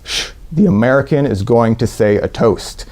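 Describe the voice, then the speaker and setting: A man's voice: mid-range voice, lively intonation, moderate pace, a little mellow, natural voice. A man voicing an insistent, tipsy man at a tent party who keeps repeating his commands.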